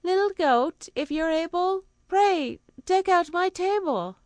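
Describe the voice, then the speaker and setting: A woman's voice: very high-pitched, expressive, a little slow, dry recording, clean studio sound, voice pushed up, exaggerated voice. A woman voicing a hungry, mistreated little girl who speaks in a pleading, plaintive way in a storybook reading. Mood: hopeful.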